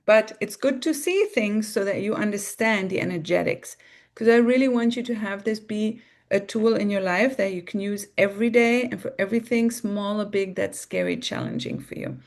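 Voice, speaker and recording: A woman teaching on a live stream, softly coaxing listeners through a guided visualization and reading viewer comments aloud. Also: mid-range voice, sing-song, moderate pace, creaky. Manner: soft and coaxing, guiding listeners inward. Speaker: spiritual teacher.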